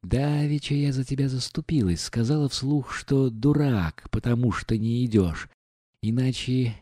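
A man's voice: medium pitch, dark tone, no echo, clean studio sound, natural voice. A man reading an audiobook, voicing an imperious, hot-tempered older noblewoman who scolds and snaps. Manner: scolding, quick to anger.

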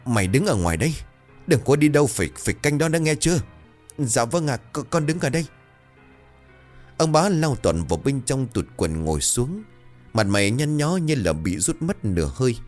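A man telling a scripted horror story in a steady, dramatic way. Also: lowish voice.

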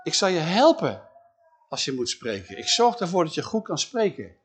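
A stern, all-powerful god, put on by a male storyteller, speaking with commanding certainty. The voice is slightly husky and rises and falls expressively. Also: on the high side, very animated, moderate pace, pitched above the performer's own voice. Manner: commanding, rhetorical questions. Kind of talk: storyteller acting out a Bible figure.

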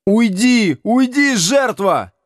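A man voicing a loud, hot-tempered teenage boy who yells and squeals insults in an audiobook. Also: sits high, very animated, moderate pace, no echo, clean studio sound, pitched above the performer's own voice. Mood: yelling.

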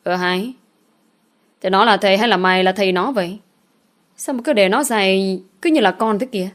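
A woman's voice: mid-range voice, normal speed, close to an everyday voice. A woman voicing a spiteful, gossiping old woman in a storybook reading, with a mocking, wailing manner. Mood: indignant.

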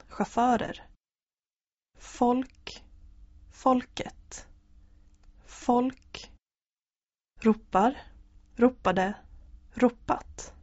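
Woman, husky voice, vocabulary drill, careful enunciation, dull lo-fi recording. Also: medium pitch, a little mellow, dry recording. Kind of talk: reading vocabulary word forms aloud.

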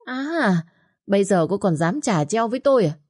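A woman voicing a furious, harsh older mother-in-law who shouts and scolds. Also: mid-range voice, sing-song, normal speed, voice pushed up. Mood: furious scolding.

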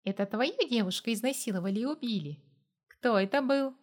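A woman voicing a sharp-tongued, defiant young woman who snaps back with contempt in a spoken story. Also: on the high side, lively intonation, a little fast. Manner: snapping, contemptuous.

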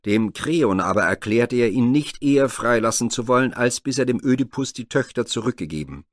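A man narrating a classic Greek myth as a scripted audiobook reading, measured and formal. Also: mid-range voice, animated, no echo, studio quality.

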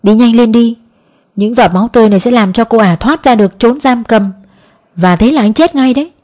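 A woman voicing a young woman's ghost speaking from a grave, hurried and urging. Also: medium pitch, mellow, natural voice.

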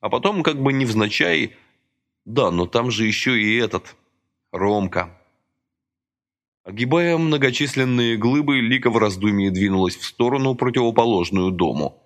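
A man reading a novel aloud as audiobook narrator, with steady, expressive storytelling. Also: medium pitch, moderate pace. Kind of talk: scripted narration.

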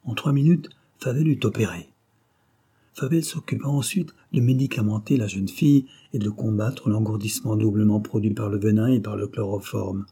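A male narrator reads a classic novel in a low, husky voice. His tone is dark and mellow, and the delivery stays measured and even. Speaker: audiobook narrator. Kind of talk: scripted narration.

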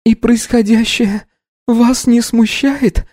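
Casting: woman doing a young mother in labor, high, strained and pleading, dry close sound. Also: fairly even intonation, slow pace, a little mellow, no echo. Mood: weak, teasing. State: in pain. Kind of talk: audiobook reading.

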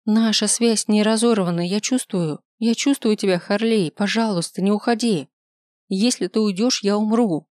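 A reader voicing a clingy young female harpy who pleads in shrill, hysterical bursts. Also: normal speed, darkish tone, no room sound, studio quality, close to an everyday voice.

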